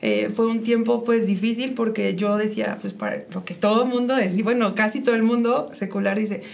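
A woman's voice: mid-range voice, steady tone, a little fast, gravelly, a little mellow. A middle-aged woman, emotionally sharing her personal faith testimony and often quoting her own inner thoughts. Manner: emotional, with frequent fillers and quoted inner speech.

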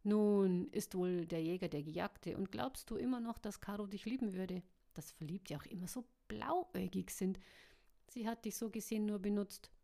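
A woman's voice: medium pitch, moderate pace, creaky, warm tone, close to an everyday voice. A woman playing a gloating, sneering male villain. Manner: sneering, taunting.

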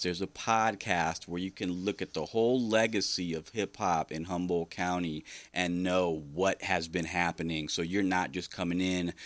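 A man's voice: deep voice, fairly bright tone, no room sound. A man hosting a podcast, speaking earnestly and respectfully in a rambling way. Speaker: podcast host. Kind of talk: casual podcast conversation.

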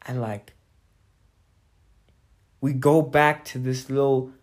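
A man's voice: mid-range voice, fairly even intonation, slow pace. A young man with a London roadman accent talks in a casual, rambling monologue, full of street slang and swearing. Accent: London, urban roadman style.

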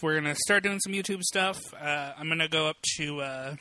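Very bright-voiced rambling male co-host. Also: fairly high pitch, a little fast. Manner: rambling, hesitant fillers. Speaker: podcast co-host. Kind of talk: casual chat.

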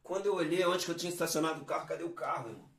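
A man's voice: fairly high pitch, rapid-fire, a crowd in the background. Laid-back Brazilian man telling stories. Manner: storytelling, laid-back slang. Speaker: guest singer-songwriter. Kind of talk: podcast chat with live singing. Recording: roomy, mic at a distance, guitar behind.

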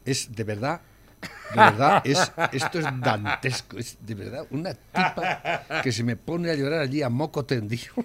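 A man's voice: medium pitch, expressive, moderate pace, fairly bright tone, slightly rough. An older man with a Spanish accent from Spain, co-hosting a talk show and ranting in outrage, tagging lines with "¿eh?". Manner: indignant, ranting, repeats "¿eh?". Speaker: co-host. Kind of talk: heated talk show chat.

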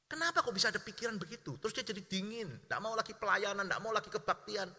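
A middle-aged man preaching a sermon, lively and animated, addressing his congregation and acting out the voices of people he describes. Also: high-pitched, fast talker, long reverb tail. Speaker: pastor.

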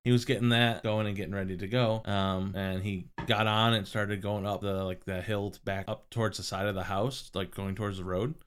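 A young man with a low, smooth and resonant voice tells stories in a loose, casual way. He rambles and fills his sentences with "like" and "um". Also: flat delivery, normal speed, few pauses. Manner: rambling, many "like" and "um" fillers. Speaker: podcast co-host. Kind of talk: casual storytelling.

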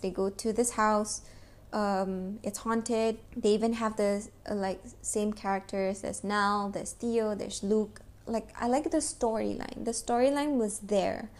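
A woman's voice: medium pitch, darkish tone. A young woman hosting a solo podcast, rambling casually and bluntly with frequent swearing. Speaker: podcast host.

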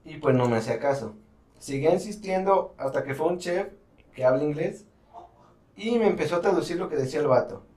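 A man's voice: on the high side, expressive, brisk, darkish tone, roomy sound, far from the mic. A man co-hosting a podcast, reading listener stories aloud in casual, crude, swearing banter. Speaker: podcast co-host.

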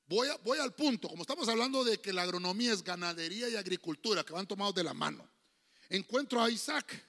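A man's voice: sits high, expressive, fast, creaky, bright, forceful tone, in a large hall. A middle-aged man, a pastor with a Honduran Spanish accent, preaching a sermon and calling out to his congregation. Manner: preachy and emphatic, calls out to the congregation. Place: church hall.

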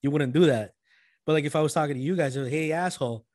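A man's voice: a little high, fairly even intonation, rapid-fire, darkish tone, no room sound, studio quality. A man in a casual chat, laid-back, explaining things with everyday examples.

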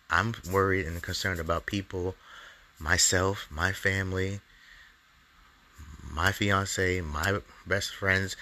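Deep-voiced man ranting heatedly. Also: sharp tone. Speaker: comedian podcast host. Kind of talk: angry opinion monologue.

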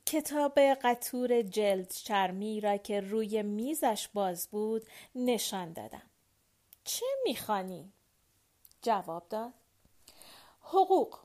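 A woman narrating a novel in the first person as an audiobook, expressive and clear, softening in tender passages. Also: medium pitch.

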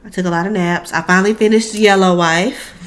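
A woman's voice: mid-range voice, steady tone, brisk. Congested American woman, chatting casually as podcast co-host. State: congested with a cold. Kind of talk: casual chat between friends.

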